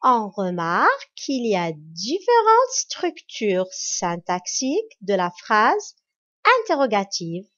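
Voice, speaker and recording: A woman teacher giving a grammar lesson to children, speaking in a slow, spelled-out and encouraging way. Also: mid-range voice, wildly swooping pitch, a bit bright. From Morocco. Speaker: primary school teacher. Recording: dull lo-fi recording.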